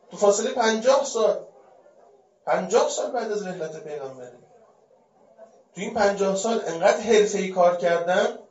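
A man with a high voice preaches a religious lecture. He fires off rhetorical questions and swings between forceful and hushed delivery. He is heard from a distance in a roomy, echoey space, and the recording sounds dull. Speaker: religious speaker.

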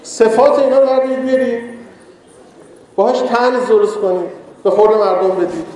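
High-voiced cleric in an echoey hall. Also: male voice, steady tone, warm tone, a little hiss or hum. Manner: rhetorical questions and humorous asides. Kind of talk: sermon. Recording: echoey hall with long reverb.

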